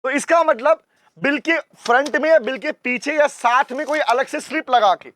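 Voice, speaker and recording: A man teaching commerce in a classroom lecture, mixing Hindi and English terms, often repeating points and letting his voice fall soft at phrase ends. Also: very high voice, moderate pace, slight background noise.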